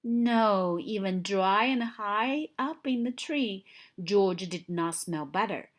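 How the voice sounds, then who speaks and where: Slowly and at a medium pitch, a woman reads a picture book to little kids. She brings an expressive, storytelling flair and gives key moments dramatic weight.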